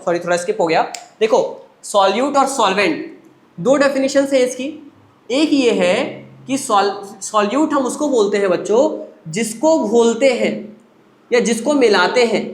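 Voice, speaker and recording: Male science teacher, repetitive lecture, quizzes his pupils then answers himself, echoey room. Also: high-pitched. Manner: asks the class questions and answers them himself; repetitive, coaxing, calls students children. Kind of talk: classroom lecture.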